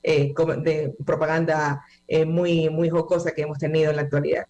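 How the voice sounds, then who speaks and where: Guest: woman, academy manager, measured explainer with fillers. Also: deep voice, flat delivery, dark tone, dull audio. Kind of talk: explanatory interview answers.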